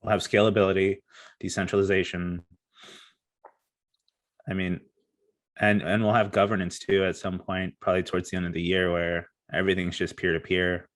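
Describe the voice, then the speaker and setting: Deep-voiced enthusiastic man co-hosting. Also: level tone, normal speed, long pauses. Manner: enthusiastic, rambling with fillers. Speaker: crypto podcast co-host. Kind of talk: casual chat.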